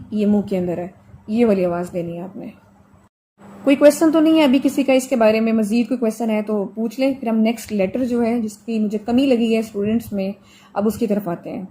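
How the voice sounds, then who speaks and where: A warm-toned woman, her voice on the high side, runs an online tajweed lesson on how Quranic letters are pronounced. Patiently, she offers everyday examples and elongates sounds slowly so students can follow along.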